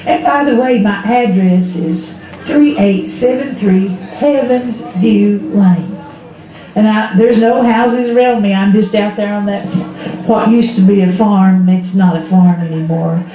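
A woman's voice: medium pitch, measured pace, dark tone. An older woman with an Appalachian accent tells folksy stories to an audience, often quoting conversations, speaking into a handheld microphone outdoors. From Southern Appalachia, Smoky Mountains. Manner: folksy, quoting relatives and neighbours in dialogue. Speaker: storyteller. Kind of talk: live folksy storytelling to an audience. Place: outdoors under an open tent at a public event. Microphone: handheld microphone through a PA. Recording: echoey outdoor PA with faint noise.

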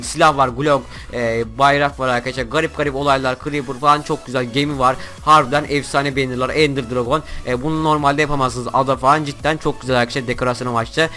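Excitable young man narrating gameplay fast. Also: mid-range voice. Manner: excitable, addresses viewers constantly. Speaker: gaming channel host. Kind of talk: Minecraft gameplay commentary.

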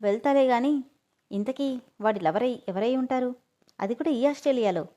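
A fiery, sharp-tongued young woman, as a woman storyteller reads her. She snaps back indignantly in a fairly high voice. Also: normal speed, lightly acted. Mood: angry. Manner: indignant, snapping.

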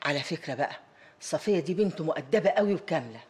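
A meddling Egyptian mother with a lively, rapid voice, coaxing and insistent. She speaks in a film drama. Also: low voice. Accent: Egyptian Arabic. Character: meddling mother pushing her son to marry. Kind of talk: film acting.

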